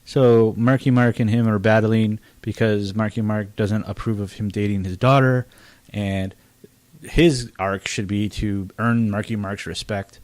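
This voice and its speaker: A man's voice: lowish voice, steady tone, unhurried, darkish tone, no echo. A man in a casual roundtable movie review, criticizing bluntly and scornfully with plenty of swearing. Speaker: film reviewer.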